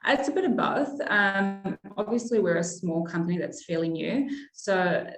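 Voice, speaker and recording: A woman's voice: mid-range voice, animated, normal speed. A young adult woman from Iraq, a pharmacist and sales manager, answering interview questions in a friendly, chatty way with frequent ums. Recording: roomy echo.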